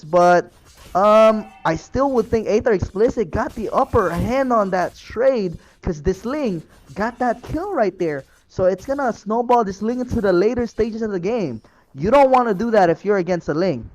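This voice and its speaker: A young man giving rambling, excitable play-by-play commentary on a mobile esports match, with frequent ums and self-corrections. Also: high voice, a little hiss or hum. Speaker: esports caster.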